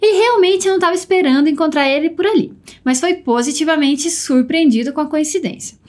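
A woman with a Brazilian Portuguese accent teaching a podcast language lesson, upbeat and encouraging, slowing down to model pronunciation. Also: sits high, darkish tone.

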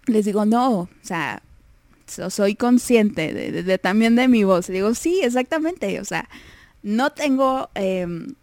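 A woman's voice: mid-range voice, lively intonation, measured pace, darkish tone, no room sound. A young woman with a Mexican Spanish accent hosting a casual radio show, chatty and self-deprecating, laughing often.

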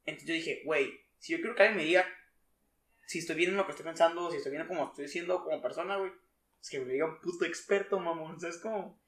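A man's voice: fairly high pitch, fast, a bit bright, roomy sound. A young man with a Mexican Spanish accent co-hosting a casual podcast chat, slangy and swearing freely. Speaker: podcast co-host.

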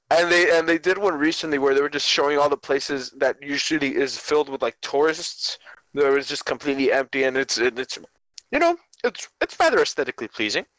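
A young man with a lisp, slushy on his s sounds, chatting casually in a halting, rambling way. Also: medium pitch, a bit bright, no echo, poor audio. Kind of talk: casual group chat.

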